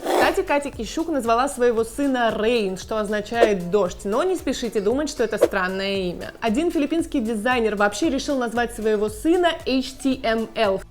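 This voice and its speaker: A woman's voice: a little high, lively intonation, moderate pace. A woman hosting a blogger news show, reading scripted items with conversational, lightly ironic commentary. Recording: music under the voice. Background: background music.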